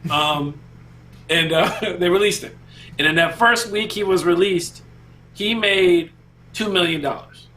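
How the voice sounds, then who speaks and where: A man co-hosting a casual panel podcast, talking in a relaxed, slangy way and laughing often. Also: sits high, unhurried. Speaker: podcast co-host.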